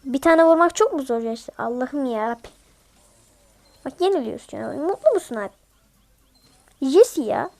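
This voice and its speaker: During live gameplay commentary, a woman with a very high voice narrates a mobile game in an excitable, jumpy way. She yelps repeated words at the screen, then shifts into chatty remarks to viewers. Her pace is moderate, with vocal fry and long pauses.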